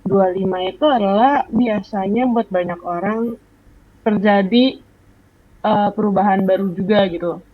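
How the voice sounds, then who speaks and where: A woman's voice: medium pitch, normal speed, no echo. Chatty young woman venting, lo-fi. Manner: chatty, venting, mixes in English phrases. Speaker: podcast co-host. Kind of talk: casual late-night chat.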